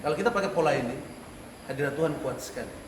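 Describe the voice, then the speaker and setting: A man teaching a church class on leading worship, lively, with rhetorical questions and frequent laughter. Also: on the high side, rapid-fire. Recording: echoey room, mic far off, noisy.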